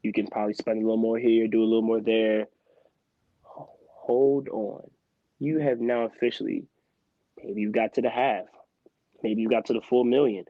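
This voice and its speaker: A young man in his twenties from Philadelphia, a guest in a casual interview, telling stories in an animated, emphatic way. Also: on the low side, normal speed, long pauses, no echo. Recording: slightly dull, muffled sound.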